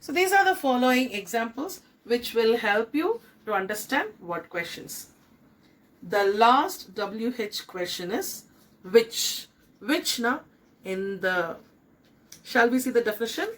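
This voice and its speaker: A middle-aged woman with a Tamil accent, a school principal giving an English lesson. She repeats each example sentence slowly and then gives it in her own language. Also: fairly high pitch, very animated, fairly bright tone. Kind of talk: classroom lesson.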